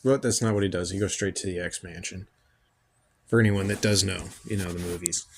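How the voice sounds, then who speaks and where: A man with a fairly low voice hosts a podcast and talks through a movie in loose, casual commentary. He sounds tired and rambles, thinking aloud as he goes. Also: brisk, slight background noise. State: tired, yawning. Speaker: podcast host.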